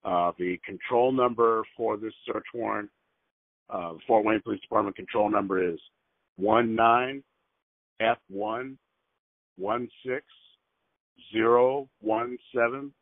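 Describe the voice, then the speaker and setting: Over a tinny, dry landline, a man leaves a voicemail in a fairly low, steady voice. He speaks carefully and hesitantly, using frequent fillers and slowly repeating details and numbers.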